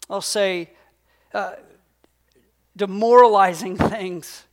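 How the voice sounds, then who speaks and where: A man's voice: high-pitched, steady tone, takes it slowly. A man voicing God the Father, speaking to his son in an earnest, intense way in a sermon. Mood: urgent. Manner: earnest, intense, pleading to press on. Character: God the Father, solemn, fatherly, commanding male deity.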